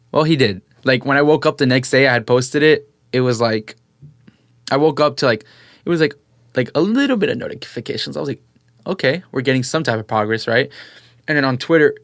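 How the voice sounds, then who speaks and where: A young man, mid-pitched, recounting a story as a podcast guest with excitable, animated energy. He acts out the voices of people in the tale. The close mic sounds dry with no room echo. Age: young adult. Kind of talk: casual storytelling chat.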